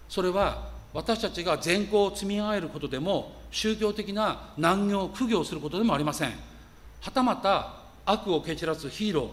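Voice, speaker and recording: A man's voice: sits high, long reverb tail. A man preaching a sermon as pastor, emphatic and reading scripture aloud.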